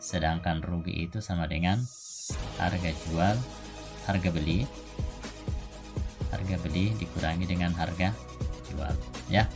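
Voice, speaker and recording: Male teacher, very deep voice, deliberate phrase-by-phrase explanation, lesson presentation, music behind. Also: fairly even intonation.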